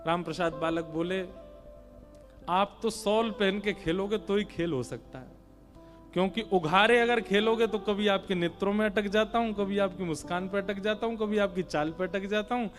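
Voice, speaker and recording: A high-voiced man tells a devotional story as a preacher, voicing the figures with lively shifts. Now and then he slips into slow, sung lines. Soft music sits far under his talk. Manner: acts out the story's characters in raised, childlike voices. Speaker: Bhagavat katha preacher.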